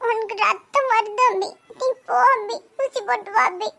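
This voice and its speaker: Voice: extremely high pitch, fairly even intonation, a little slow, vocal fry, crowd noise, exaggerated voice. A performer voicing a small spirited girl who is fiercely protective and sassy in a cartoon. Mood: worried, pleading. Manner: scolding, sassy, later pleading. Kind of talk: cartoon voice acting.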